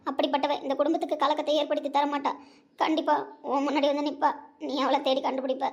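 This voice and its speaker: Actress as anxious mother of a grown son, rapid and high, pleading tone. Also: level tone, highs cut off. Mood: tender. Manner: pleading, scolding, tender. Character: worried middle-aged mother scolding her grown son. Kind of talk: web series drama acting.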